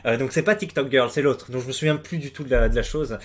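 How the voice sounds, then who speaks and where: A man's voice: medium pitch, fast. A young man giving casual commentary on a music video from his room at home, hesitant, with many fillers and restarts. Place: room at home with the door closed.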